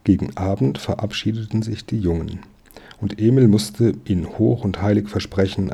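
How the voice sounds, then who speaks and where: A man reading a children's book aloud, relaxed and homely, adding a casual aside at the end. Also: fairly low pitch, gravelly, husky. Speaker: reader.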